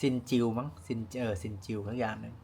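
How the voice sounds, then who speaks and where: A man's voice: medium pitch, level tone, fast, gravelly, darkish tone, slight background noise. A man hosting a food vlog, chatting and thinking aloud as he tastes dishes. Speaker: vlog host. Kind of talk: casual food vlog commentary. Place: busy old-style cafe and city street. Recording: crowd chatter behind.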